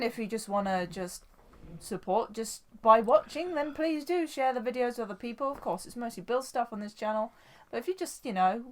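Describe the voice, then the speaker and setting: Chatty woman hosting a fan podcast, eager and rambling. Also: mid-range voice. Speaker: podcast host. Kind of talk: casual chat.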